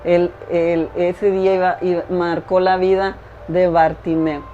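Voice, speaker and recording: A woman's voice: fairly low pitch, level tone, unhurried, mellow. A woman preaching a sermon, earnest and repetitive, speaking straight to the listener. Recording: dull lo-fi recording with faint hiss.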